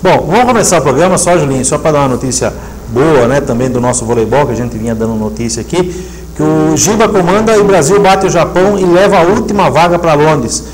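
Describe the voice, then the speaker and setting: A man's voice: fairly high pitch, fast, a little hiss or hum, low-quality recording. A middle-aged man hosting a sports show, chatting and reading match results steadily. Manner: steady, reads lists of results. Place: TV studio set. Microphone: lapel mic.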